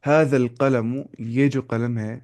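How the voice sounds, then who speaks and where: A man teaching an Arabic grammar class, slowly repeating word forms and correcting himself as he goes. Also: medium pitch, fairly even intonation, a little mellow. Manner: slow and repetitive, drilling word forms with self-corrections.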